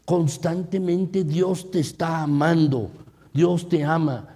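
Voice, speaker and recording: A man's voice: on the high side, steady tone, takes it slowly, dark tone. A male pastor preaching a sermon, asking his listeners questions, repeating key phrases and calling them his brothers and sisters. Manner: calls listeners "mis hermanos". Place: church sanctuary. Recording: long church reverb.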